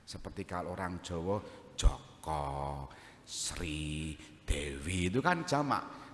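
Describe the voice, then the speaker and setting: Javanese-accented priest in an echoey church. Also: male voice, deep voice, animated, takes it slowly, fairly bright tone, a little hiss or hum. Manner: joking, conversational preaching mixed with local phrases. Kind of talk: homily.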